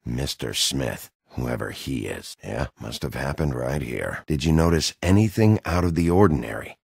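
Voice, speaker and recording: A brooding big bad wolf turned detective for a video game. The voice is extremely low and full of gravel, husky at the edges. He speaks tersely and dryly, like a dogged investigator, in a close, dry recording. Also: expressive, normal speed, a little mellow, no room sound, exaggerated voice. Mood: insistent, firm. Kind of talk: video game dialogue acting.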